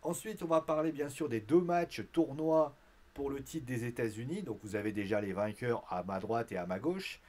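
A man of middle pitch hosting a casual wrestling recap. He talks in a chatty, animated way, with blunt slang and crude asides. Now and then he pushes into a louder, higher voice to act out a quote. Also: moderate pace. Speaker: host of a wrestling recap show. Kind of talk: casual spoken commentary.

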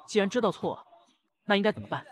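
A man's voice: on the high side, big pitch swings, quick pace, husky. A man voicing an arrogant young male fighter, cold and cruel, in a storybook comic retelling. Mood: cold taunting. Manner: cold, taunting.

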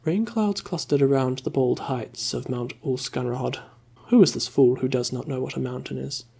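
A man reading a story aloud in a slow, calm, soothing ASMR voice, close to the mic. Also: mid-range voice, creaky, slightly rough. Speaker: ASMR reader.

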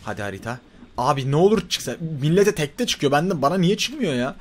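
A young man giving excited let's-play commentary, swinging between loud frantic outbursts and muttering to himself. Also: a little high, a little fast. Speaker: gaming YouTuber.

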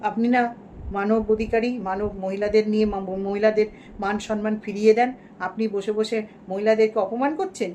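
A woman's voice: mid-range voice, fairly even intonation, fairly quick, warm tone, slight background noise, close to an everyday voice. A woman playing an indignant female commenter who lectures and reproaches. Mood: reproachful.

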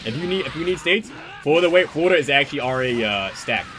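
A man's voice: on the high side, animated, fast talker, over music. A man giving loose, rambling commentary on a gaming stream, swearing freely as he organizes a tournament.

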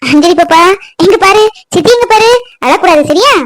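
A young woman playing a sharp-tongued but caring village wife in a family drama skit. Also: very high-pitched, lively intonation, moderate pace. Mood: coaxing. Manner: sharp-tongued, teasing and scolding.

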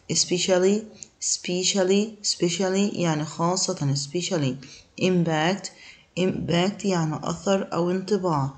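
A woman's voice: on the low side, darkish tone. A woman teacher, going through English vocabulary and repeating each word with its meaning.

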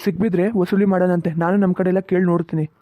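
A fussy older farmer in a cartoon, voiced by an actor. He grumbles and frets at a quick clip. The sound is thin and phone-like, with no room echo. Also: mid-range voice, little pitch movement, close to an everyday voice. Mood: advising. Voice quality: fast, grumbling, talks to himself. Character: older village farmer with coconut grove, fussy, fretting about money. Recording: tinny narrow-band sound, dry.

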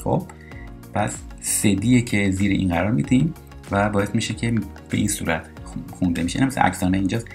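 A man teaching a recorded French lesson, explaining pronunciation and slowly repeating example words. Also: lowish voice, vocal fry, a little mellow, faint music behind.

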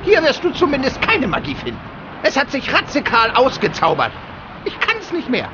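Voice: high voice, huge pitch swings, normal speed, lo-fi sound. An actor playing a small, cranky, mischievous male leprechaun in a video game, scolding theatrically. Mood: grumpy. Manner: scolding, theatrical, full of quaint insults. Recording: clear background ambience noise.

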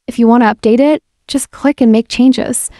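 At a moderate pace and a little high in pitch, a woman narrates a casual, friendly voice-over guiding viewers through an app step by step. Her explanation is relaxed, in the style of a software demo presenter's screen-recorded walkthrough. The voice-over mic yields studio-quality audio with no room sound.

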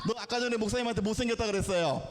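A man's voice: sits high, rapid-fire. A man, a pastor, giving a playful children's sermon, quizzing and teasing the kids in a church. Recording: echoey church hall.

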